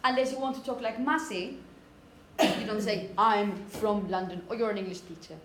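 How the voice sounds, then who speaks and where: Here a woman speaks at medium pitch and normal speed while teaching phonetics, explaining example words with emphasis and asking her students frequent check-in questions. She is indoors in a classroom, and the recording sounds echoey with background noise.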